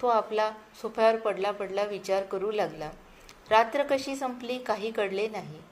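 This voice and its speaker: A woman storyteller narrating a short love story in an even, gentle reading style. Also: mid-range voice, normal speed.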